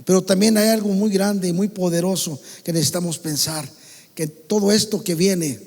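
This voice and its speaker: A man with a Mexican Spanish accent preaching a sermon to his congregation, swinging between loud calls and soft asides. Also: sits high, normal speed, big-room sound. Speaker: pastor. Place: church hall.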